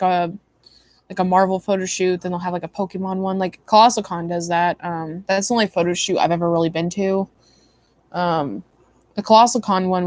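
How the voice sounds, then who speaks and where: A woman's voice: mid-range voice, a little mellow, no echo. A tired young woman chatting casually with her stream viewers, rambling with many likes and ums. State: tired, yawning. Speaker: livestream host.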